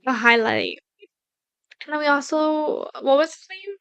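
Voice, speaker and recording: A young woman co-hosting a podcast, chatting excitedly and telling stories with lots of "like". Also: high voice, a little slow, low-quality recording. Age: young adult. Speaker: podcast co-host. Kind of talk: casual chat.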